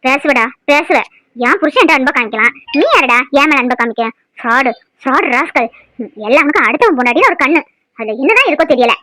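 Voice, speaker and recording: Woman doing a squeaky young cartoon wife, pleading and snapping, bright, dry sound. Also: animated, fast talker, dry recording, full character voice. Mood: scornful. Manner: pleading and scolding. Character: frightened young wife, tearful and sharp-tongued. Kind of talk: cartoon voice acting.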